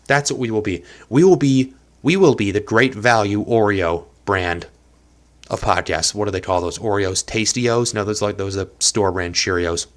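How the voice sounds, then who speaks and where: A young man rambles on his casual solo podcast, recorded in a small apartment, and keeps running himself down. His voice is on the low side at normal speed, and allergies have stuffed up his nose.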